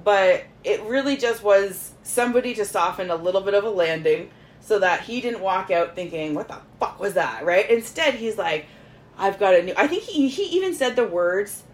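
Woman, mid pitch, animated casual storyteller among friends; emphatic, sweary, acts out quotes. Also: normal speed. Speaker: podcast host.

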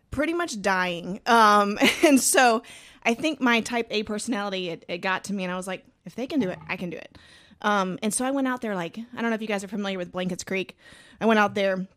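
A woman's voice: a little high, a bit bright. A woman in her thirties from Georgia, a bike instructor chatting on a podcast, telling a story with many ums and likes. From Georgia, USA. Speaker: mountain bike instructor, guest. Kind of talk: casual podcast chat.

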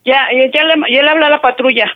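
A woman's voice: high-pitched, steady tone, fast talker, no echo. A woman on a phone call with her daughter, agitated, protective and swearing. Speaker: prank call target, caller's mother.

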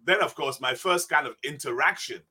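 A man's voice: fairly high pitch, fairly quick, sharp tone, breathy edge. A man in his sixties, guest on an interview podcast, telling stories and often laughing as he talks. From England. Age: 60s. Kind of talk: casual interview.

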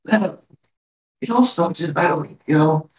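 A man voicing a tiny, very old woman, a worried village elder who welcomes visitors in a halting, pleading manner during a tabletop game. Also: on the high side, distant mic, pitched above the performer's own voice, lightly acted. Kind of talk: in-character tabletop game role-play. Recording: roomy, dull, off-mic.

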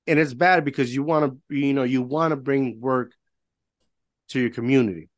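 A man with a middle-pitched voice speaks candidly as a guest on a casual podcast. He peppers his talk with fillers. The sound is dry and close. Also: normal speed, no echo. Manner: candid, frequent fillers like "you know". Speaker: guest, real estate entrepreneur. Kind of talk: casual conversation.

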